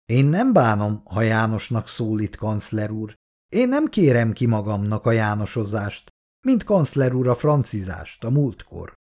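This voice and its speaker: A man's voice: fairly low pitch, sing-song, darkish tone. A man voicing a stern older husband and father who speaks drily and commands. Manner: dry, commanding.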